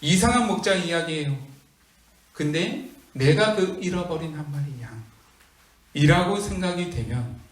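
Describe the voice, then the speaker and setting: Male pastor, sermon, high voice, rhetorical questions, roomy church hall. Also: recorded from a distance. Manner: rhetorical questions, emphatic storytelling.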